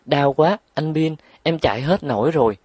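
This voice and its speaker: A spoiled little girl whines and talks back in a high, pouty voice, a man putting her on for an audiobook. Her retorts come quick and cheeky, recorded close and dry. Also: darkish tone, breathy edge, dry recording. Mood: whiny. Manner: whining, sassy, quick retorts. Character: bratty, whiny little girl.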